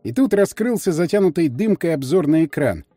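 Brief: male audiobook narrator, warm low-toned voice, very animated delivery, faint music underneath. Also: a little fast, no echo. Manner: expressive storytelling. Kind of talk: scripted narration.

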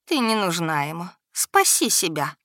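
A woman voicing a venomous spider spirit that whispers inside a mind, slow and insinuating. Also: on the low side, sing-song, fairly bright tone, dry recording, clean studio sound.

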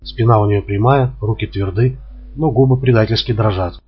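A man reading a crime novel aloud as scripted narration, steady and even, in a dull lo-fi recording. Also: fairly low pitch, moderate pace, breathy edge. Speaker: audiobook reader.

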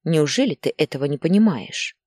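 A tired, resentful grown daughter snaps at her mother with reproach, as a woman reading the story voices her. The voice is low, lively in pitch and sits close and dry in a quiet recording. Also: a little fast, no echo. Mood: reproachful. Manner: sharp, reproachful.

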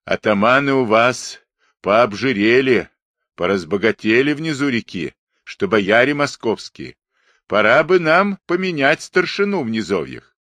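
A man's voice: fairly low pitch, a bit bright, no room sound. A man voicing a hulking barefoot Cossack lad who grumbles at the chieftains.

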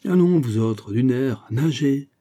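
A man's voice: mid-range voice, expressive, takes it slowly, dark tone. A man reading a classic novel aloud, voicing a timid, plain-spoken river boatman with a deferential manner.

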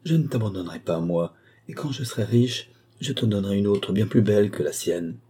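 A man voicing a devoted young boy who speaks softly and earnestly in a storybook reading. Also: on the low side, expressive, a little fast, natural voice. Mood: pleading. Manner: soft, earnest pleading.

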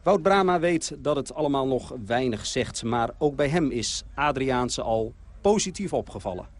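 Male field reporter, even mid-range voice, calm scripted delivery. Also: mid-range voice, normal speed. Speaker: sports reporter. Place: outdoors at a sports field.

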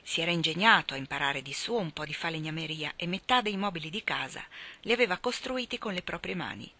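Woman audiobook narrator, measured, expressive, fairly low, bright tone. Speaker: reader.

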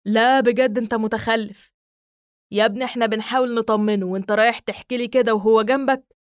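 A woman's voice: mid-range voice, steady tone, quick pace, no room sound, studio quality, lightly acted. A woman with an Egyptian accent voicing a blunt young man who scolds his friend on the phone. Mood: scolding. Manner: brusque, emphatic.

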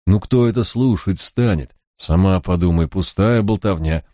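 A man's voice: low voice, normal speed, mellow, no room sound, clean studio sound, natural voice. A man voicing a shrewd, cocky male police detective who talks in a mocking, coaxing drawl. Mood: coaxing mockery.

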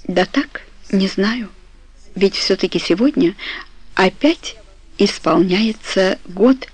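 Woman reading as a soft-spoken tender husband. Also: medium pitch, slow pace, breathy edge, low-quality recording. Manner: soft, affectionate, murmuring. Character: tender sleepy husband, young man.

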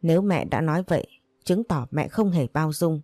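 A woman voicing a grown son who pleads softly with his mother. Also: deep voice, lively intonation, normal speed, dry recording, clean studio sound. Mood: pleading. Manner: soft, pleading.

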